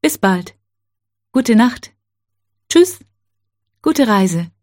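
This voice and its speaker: Woman reading practice phrases for learners, real slow, soft warm tone. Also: on the high side, sing-song. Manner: slow, careful, clearly spaced phrases.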